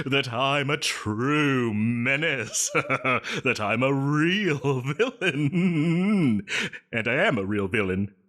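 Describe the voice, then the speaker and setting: This audio drama supervillain, a man with a slightly bright voice, performs a scripted roleplay in which he's besotted, clingy, possessive and full of self-pity. His pitch swings theatrically as he draws out each word, and his giddy adoration spills over into giggles and stammering.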